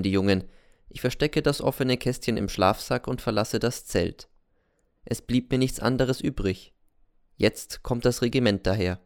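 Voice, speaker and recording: Male audiobook narrator, resonant and clear, mid-pitched, introspective. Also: no room sound, clean studio sound. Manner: measured, introspective first-person telling.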